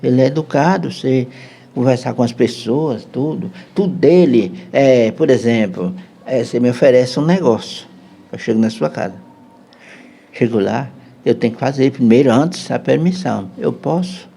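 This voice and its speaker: A Brazilian man telling a personal story in an unhurried way as a podcast guest. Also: mid-range voice, creaky, dark tone, breathy edge. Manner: unhurried, tags lines with "né". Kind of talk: casual storytelling chat.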